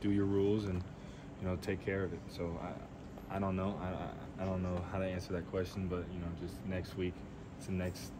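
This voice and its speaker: A man's voice: deep voice, monotone, fairly quick, background noise. A young man, a college quarterback, answering reporters' questions after a game, plain-spoken with many fillers, in a weight room. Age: young adult. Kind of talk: postgame press Q&A. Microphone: handheld reporter mics.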